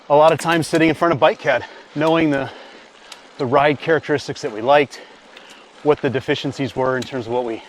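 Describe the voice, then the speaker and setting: Man, company founder, mid-pitched voice, relaxed, thoughtful, outdoor ride, light background noise. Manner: relaxed, thoughtful, with fillers and restarts. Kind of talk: casual interview answers.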